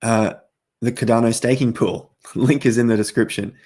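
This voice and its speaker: A man hosting a casual crypto livestream, talking straight to viewers as he walks through charts, his voice going hoarse with coughs. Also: medium pitch, fairly even intonation, moderate pace, darkish tone. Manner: chatty, talks straight to viewers while walking through charts. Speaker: crypto market host.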